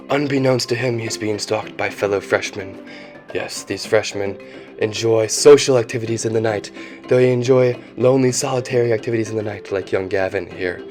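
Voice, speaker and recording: A young man co-narrating a parody nature documentary in a grandiose, mock-serious manner. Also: mid-range voice. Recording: music playing underneath.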